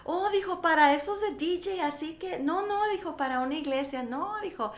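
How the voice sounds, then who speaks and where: Speaking at a normal pace in a very high-pitched, reverberant voice, a middle-aged woman pastor gives her testimony on a radio interview. She tells it in an animated way, acting out the exchanges she remembers.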